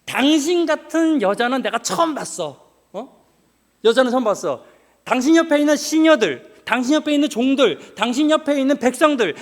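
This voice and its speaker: A preacher putting on a furious king, his voice climbing higher as he berates his wife with heated, accusing questions. The sound rings out with a long reverb, as if from a church hall.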